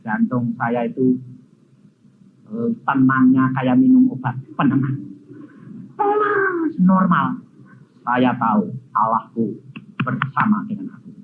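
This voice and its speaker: An older male evangelist, preaching a testimony sermon that swings from shouted lines to hushed ones. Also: medium pitch, a little slow, pauses often. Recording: dull lo-fi sermon recording with faint hiss.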